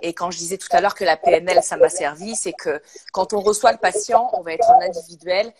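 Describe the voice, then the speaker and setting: A woman's voice: fairly low pitch, fairly even intonation, brisk, darkish tone, a little hiss or hum. A woman speaking as a psychogenealogist guest in a casual live-stream interview, hesitant and full of filler sounds, speaking into a phone. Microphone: phone, later a headset.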